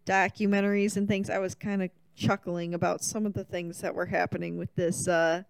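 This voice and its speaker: A woman's voice: lowish voice, little pitch movement, vocal fry, clear, resonant tone, no echo. A woman co-hosting a casual podcast, reacting to a film with chatty, joking comments. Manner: chatty, quick reactions, jokey asides. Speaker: podcast co-host.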